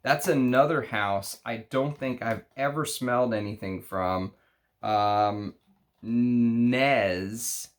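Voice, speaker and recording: A man with a Texas accent chatting unscripted through an unboxing, halting and thinking aloud as he reads out names. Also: fairly low pitch, a bit bright. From Texas, United States. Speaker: fragrance review show host. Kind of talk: unscripted unboxing chat, reading out names and notes.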